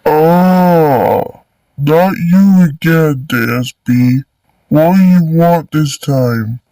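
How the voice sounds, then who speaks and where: A man's voice: fairly high pitch, very slow, warm tone, dry recording, recorded from a distance, poor audio. A man playing a stern, exasperated school principal in an amateur cartoon, scolding in a declamatory way.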